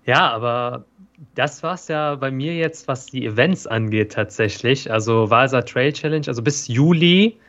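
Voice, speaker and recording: A man co-hosting a podcast, chatting casually and chipping in with animated interjections. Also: mid-range voice, measured pace. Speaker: podcast co-host. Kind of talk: casual chat. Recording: dull lo-fi sound.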